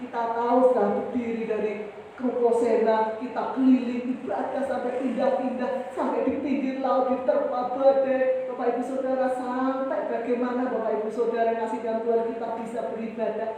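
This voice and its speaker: A woman's voice: flat delivery, normal speed, a little hiss or hum. Impassioned woman pastor preaching in echoey hall. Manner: impassioned, rises high and loud when quoting her prayers; repeatedly addresses the congregation directly. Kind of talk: sermon with personal testimony. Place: church hall. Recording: echoey church hall, mic at a distance.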